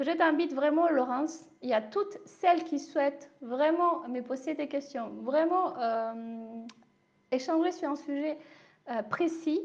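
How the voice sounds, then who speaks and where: A woman's voice: sits high, darkish tone, lo-fi sound. Woman coach with a slight accent. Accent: non-native French accent. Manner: reassuring, repeats "d'accord?", addresses viewers by name. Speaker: life coach and shamanism speaker. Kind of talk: live online talk answering viewer questions.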